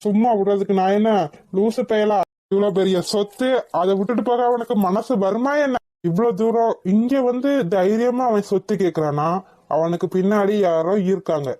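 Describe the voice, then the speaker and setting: A woman's voice: medium pitch, moderate pace, mellow, natural voice. A woman voicing a scheming, boastful, wealthy middle-aged father in a cartoon. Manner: boastful, dismissive. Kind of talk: animated cartoon voice acting.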